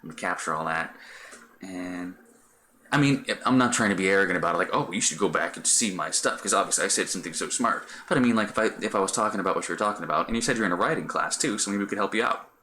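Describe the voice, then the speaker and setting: A man's voice: deep voice, very fast, bright, forceful tone, a little hiss or hum. A middle-aged man chatting casually on a live stream, rambling with many fillers and restarts. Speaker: Twitch streamer.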